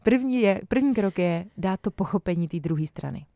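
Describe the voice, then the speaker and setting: A woman calmly explaining assertiveness in a casual conversation, often laughing and acting out example phrases. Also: mid-range voice, no echo, studio quality. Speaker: guest expert on assertiveness.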